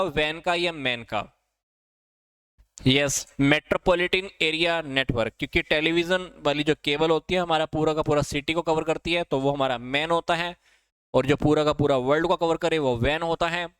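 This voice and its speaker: Indian male tutor, high crisp voice, dry close sound, slow question reading then quick explaining. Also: a bit bright, no room sound, rough recording. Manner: reads English questions slowly, then explains in Hindi and answers himself. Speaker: teacher. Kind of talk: exam-prep lesson, reading quiz questions.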